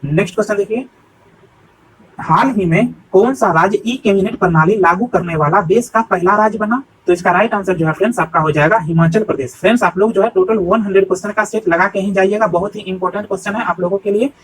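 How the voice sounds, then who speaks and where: A young man, an exam coach, reading through practice questions and their answers in a steady, repetitive teaching patter, calling his viewers friends. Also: high-pitched, quick pace, slight background noise, low-quality recording. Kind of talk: exam practice-set walkthrough.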